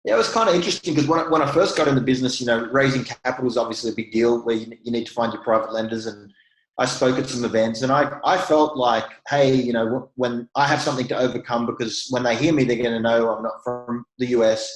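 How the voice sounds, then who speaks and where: An Australian man talks through his real estate experience in a relaxed interview, with frequent restarts and easy laughter. His voice is mid-pitched and sits in a noticeably echoey room. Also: quick pace. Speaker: real estate investor guest. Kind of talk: casual interview conversation.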